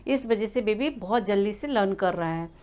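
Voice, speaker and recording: A woman's voice: medium pitch, animated, moderate pace, darkish tone. A woman giving a spoken lesson to expecting mothers, explaining step by step with frequent "uh" fillers and small restarts. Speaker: prenatal learning coach.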